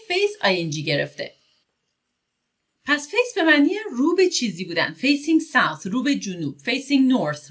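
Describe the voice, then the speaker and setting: A woman with a Persian accent teaching English vocabulary, explaining each word and reading English phrases slowly and clearly. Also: a little high, fairly bright tone. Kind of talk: vocabulary lesson.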